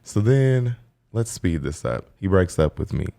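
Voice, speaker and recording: A man who co-hosts a chat show as a hairstylist, telling stories in a lively, animated way, often acting out what others said and laughing. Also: low voice, unhurried, creaky. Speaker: hairstylist and podcast co-host. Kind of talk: casual chat.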